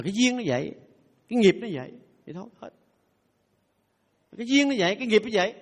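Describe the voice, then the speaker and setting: A man's voice: high voice, a bit bright. A Buddhist monk giving a playful, humorous dharma talk, leading his audience in call-and-response chanting. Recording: long hall reverb.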